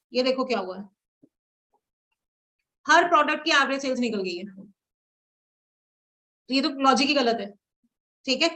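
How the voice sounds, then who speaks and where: A woman's voice: sits high, pushed and bright, low-quality recording. A woman teaching SQL in a screen-recorded lesson, mixing Hindi and English and quizzing her students as she types queries. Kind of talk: live coding lesson.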